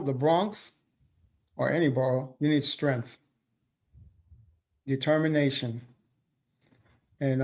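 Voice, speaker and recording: A man from Jamaica, a DJ guest answering interview questions in a laid-back, measured way. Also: a little high, a little mellow.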